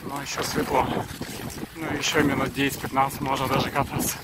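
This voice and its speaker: A skier filming his training talks casually while skiing a snowy forest trail outdoors, his mid-range voice showing little pitch movement. An action camera worn on him records the commentary, with wind rushing past the mic.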